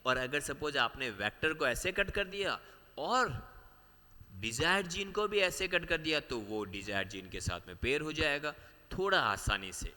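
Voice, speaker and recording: A man teaching a biology class for exam prep. He explains step by step, repeats the key points and keeps asking the students quick questions. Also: a little high, animated, sharp tone, long reverb tail. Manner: explains step by step, mixing Hindi with English terms.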